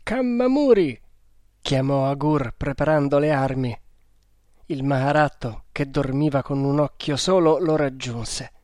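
A man narrating an adventure storybook in a slow, deliberate reading. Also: mid-range voice, steady tone, darkish tone, dry recording, clean studio sound. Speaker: audiobook narrator.

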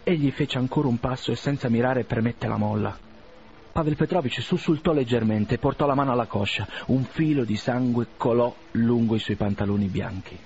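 A man reading an audiobook in a measured, even storytelling manner, on a muffled lo-fi recording. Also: medium pitch. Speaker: audiobook narrator.

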